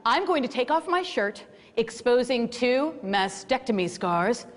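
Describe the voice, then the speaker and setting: A woman narrating a personal story in a calm, reflective manner. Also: a little high, measured pace, big-room sound. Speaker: storyteller recounting a race. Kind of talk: scripted narration.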